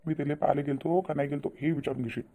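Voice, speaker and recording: A man voicing a sly cheating husband in a cartoon, speaking in a fretful, rapid patter. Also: fairly high pitch, steady tone, mellow, a little hiss or hum, close to an everyday voice. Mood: evasive. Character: sly cheating husband, caught between wife and lover. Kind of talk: cartoon voice acting.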